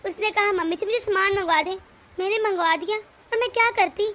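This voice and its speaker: A browbeaten middle-aged wife who long bore her mother-in-law's rule, voiced by a woman in a cartoon story. Her very high, bright voice grumbles and pleads. She sounds put-upon but quick to defend herself. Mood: defensive. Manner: complaining, pleading. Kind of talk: cartoon voice acting.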